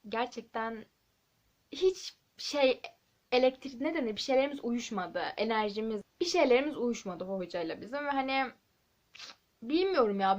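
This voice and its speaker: A teenage girl talks straight to her own handheld camera in a chatty vlog. Her stories race along, full of asides and restarts, and her voice sits a little high. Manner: chatty, animated storytelling with asides. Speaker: vlogger. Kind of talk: casual chat to camera.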